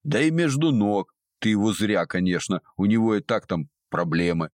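A sly old overseer from underground, gruff and scornful, drawling his words in a deep, low voice, as a male narrator plays him. The reading is close and dry. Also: normal speed, dry recording, close to an everyday voice. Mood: gruff mocking.

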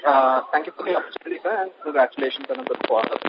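A male analyst calling in by handset, his voice glitchy and breaking up, halting and asking whether he can be heard. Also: medium pitch. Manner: halting, repeats checks for connection. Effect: glitchy, breaking phone audio. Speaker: analyst caller. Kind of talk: conference call question. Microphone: phone handset. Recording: noisy dull phone line.

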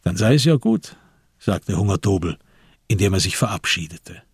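This husky, low-voiced man tells a scripted radio crime drama story in a measured yet very animated manner. He is miked closely and dryly, with no room sound.

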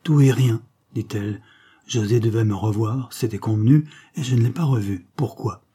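A man's voice: fairly low pitch, moderate pace, warm tone, slightly rough. A man reading the lines of a commanding, impatient woman in a storybook reading, his voice raised a little. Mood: anxious.

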